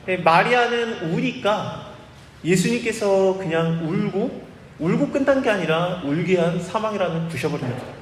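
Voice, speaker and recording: A male preacher with a high, lively voice that leaps up and down as he acts out the people in his story. He is heard delivering a sermon live in a church sanctuary. The sound rings with long reverb and a faint hiss behind it. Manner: animated, acts out quoted dialogue. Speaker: pastor. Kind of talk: expository sermon. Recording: echoey hall, live church recording.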